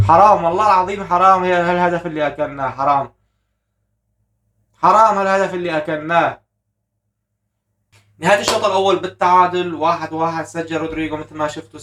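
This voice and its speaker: A man hosting a live football match reaction, shouting and chanting at the goals. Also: fairly high pitch, fairly even intonation, fast, long pauses, distant mic. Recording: echoey room, voice a bit off mic.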